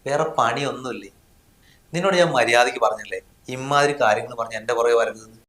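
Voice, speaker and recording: A man's voice: mid-range voice, quick pace, a bit bright, echoey room, natural voice. A man acting a husband in a short drama, scolding and dismissive in tone. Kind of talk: scripted drama dialogue.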